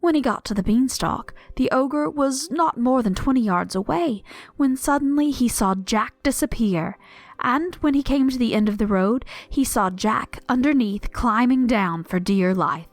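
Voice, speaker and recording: A woman narrating a fairy tale aloud with lively expression, dropping to a whisper at tense moments. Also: on the high side, moderate pace, dry recording. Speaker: storyteller. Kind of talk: storybook read-aloud narration.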